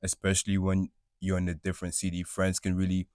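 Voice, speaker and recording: A young man from Ghana, a panelist talking slowly and thoughtfully, often restarting his words. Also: deep voice, monotone, darkish tone, clear, resonant tone, no echo, studio quality. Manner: slow, thoughtful and self-repairing. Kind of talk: casual panel talk.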